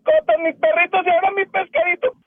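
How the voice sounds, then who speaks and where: A man, his voice sitting high for a man, pleads and demands answers in distress. He comes through a tinny phone line buried in loud hiss. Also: lively intonation, fast. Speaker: prank call victim.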